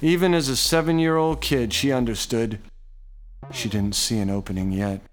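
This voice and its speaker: A man narrating a dark story in a measured, wry, sardonic manner. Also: mid-range voice, steady tone. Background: synthesizer music.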